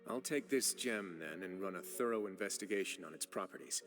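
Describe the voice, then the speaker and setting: A man playing a composed, dryly polite official who speaks in a measured, formal way. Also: deep voice, animated, fairly bright tone, soft background music.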